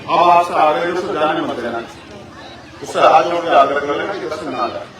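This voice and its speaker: A man's voice: on the high side, moderate pace, background noise. A man making a rhetorical political speech to a village crowd, now and then calling out orders to keep the crowd in order. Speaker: political speaker. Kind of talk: rally speech. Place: outdoor village gathering. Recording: echoey loudspeaker sound from far off, crowd behind.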